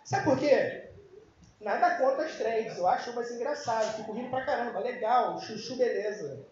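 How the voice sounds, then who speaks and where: High-voiced man preaching in an echoey room. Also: normal speed, slight background noise. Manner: casual, joking, with bursts of shouting. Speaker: youth preacher. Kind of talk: informal sermon. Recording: very echoey, dull lo-fi room sound.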